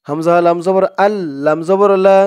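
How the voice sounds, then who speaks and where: A man teaching Quran reading, spelling out Arabic words letter by letter and chanting them slowly for viewers to repeat. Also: high voice, fairly even intonation, a little mellow, smooth. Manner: slow, patient drilling with drawn-out chanted recitation; addresses viewers directly as "dorshok".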